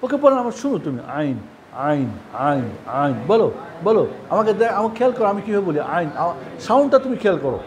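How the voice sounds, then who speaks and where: A man's voice: sits high, big pitch swings, fast talker, darkish tone. A Quran recitation teacher from Bangladesh, a man leading a live lesson, patiently repeating Arabic letter sounds for students to copy and encouraging them.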